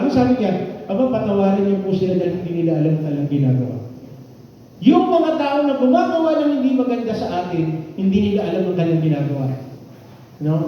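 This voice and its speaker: A man's voice: extremely high pitch, slight background noise. A man from the Philippines preaching a sermon to a congregation, asking rhetorical questions and repeating key lines for emphasis. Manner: asks rhetorical questions with tag "no?". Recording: distant, echoey hall, dull sound.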